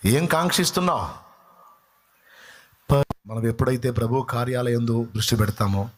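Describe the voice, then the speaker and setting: Man preaching with rhetorical questions. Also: mid-range voice. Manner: reads scripture slowly and deliberately. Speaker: pastor. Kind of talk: sermon.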